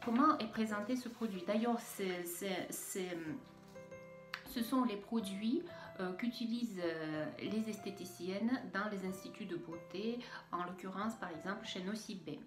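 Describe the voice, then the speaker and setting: A woman's voice: mid-range voice, unhurried, roomy sound, music in the background. A woman with a Russian accent, chatting casually as she unboxes beauty products, hesitant with many fillers and restarts. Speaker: beauty vlogger. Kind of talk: unboxing video, casual chat.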